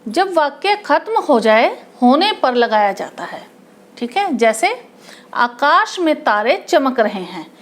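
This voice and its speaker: High, lively woman teaching grammar slowly. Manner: explains each word with a simpler synonym, asks the class questions. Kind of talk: Hindi grammar lesson at a board.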